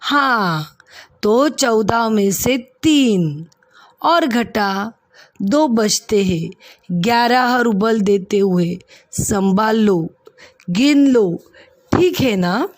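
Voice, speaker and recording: A woman playing a stingy, sharp-tongued householder counting out wages and scolding, slow and deliberate in a dry, close storybook reading. He pitches his voice up in indignant questions. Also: animated, no room sound. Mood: stern, calculating. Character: stern stingy male householder, scolding then kindly.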